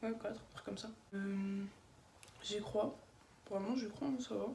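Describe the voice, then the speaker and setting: A woman's voice: medium pitch, fairly even intonation, measured pace, vocal fry, darkish tone. A young woman with a slight lisp and slushy s sounds, chatting casually and slangily as she gives opinions in a makeup vlog. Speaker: beauty vlogger. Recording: echoey room with faint background noise.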